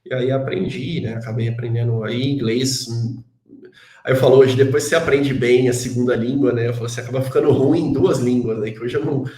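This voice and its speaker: A talkative Brazilian database engineer chats casually as an interview guest, his Brazilian Portuguese accent coming through a middle-pitched, warm, steady voice. He talks fairly quickly, stringing thoughts together with tag questions and self-deprecating asides, and the recording has a roomy echo.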